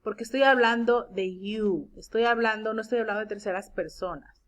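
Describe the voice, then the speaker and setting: A woman teaching an English grammar lesson, explaining step by step and reading example sentences slowly and clearly. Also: medium pitch, fairly bright tone. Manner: explains step by step, checks with "¿de acuerdo?".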